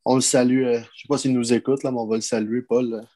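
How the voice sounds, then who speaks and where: A young man, talking casually and a little haltingly. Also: medium pitch, level tone, warm tone. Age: young adult. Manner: hesitant, halting storytelling. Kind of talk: casual chat.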